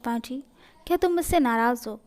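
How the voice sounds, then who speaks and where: A jealous, clingy young man with a sulky way of talking, as a woman reads him in a high voice. He sounds petulant throughout this read-aloud story. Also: brisk. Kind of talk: storytelling in a fan fiction reading.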